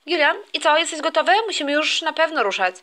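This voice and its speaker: A woman's voice: high-pitched, expressive, fast talker, sharp tone. A woman voicing a mother who coaxes and scolds her young son in a toy play story. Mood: coaxing. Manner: coaxing, scolding. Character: patient but firm mother waking her son.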